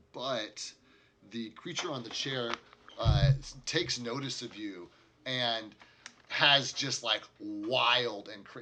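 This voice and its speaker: A man narrating a tabletop game as game master, casual and halting as he improvises. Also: mid-range voice, sharp tone.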